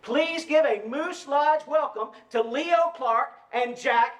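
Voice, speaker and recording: A man's voice: very high voice, slow pace, fairly bright tone, reverberant, full character voice. An actor playing a folksy male lodge emcee welcoming members and announcing the evening's entertainment. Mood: hearty. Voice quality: folksy, showman-like. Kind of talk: radio drama acting.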